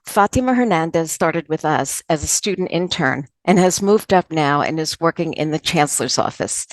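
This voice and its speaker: A woman's voice: on the low side, dry recording. A woman moderating a virtual conference, introducing a guest speaker in a heartfelt, earnest way. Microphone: video call.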